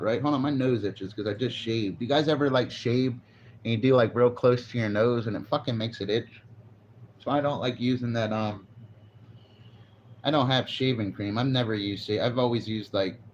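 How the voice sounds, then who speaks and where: A lowish male voice, muffled and with slight background noise, comes from a forty-year-old man livestreaming on a phone on a selfie stick. It's a casual live stream chat. He rambles along and lets a swear word slip occasionally.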